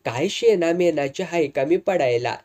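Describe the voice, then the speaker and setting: A woman's voice: deep voice, animated, a little slow, dark tone. A narrator voicing a bashful young village woman.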